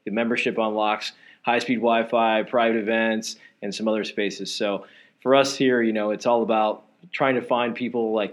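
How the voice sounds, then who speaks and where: A man appearing as a podcast guest, speaking in a relaxed, friendly way with frequent fillers in a coworking space. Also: medium pitch, highs cut off. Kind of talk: casual interview.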